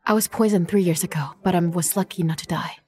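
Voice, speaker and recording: An actress playing a childlike young wife who turns out to be a wronged heiress, speaking softly and pleadingly. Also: female voice, on the low side, fast, close to an everyday voice. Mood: grim recall. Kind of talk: dubbed short drama acting.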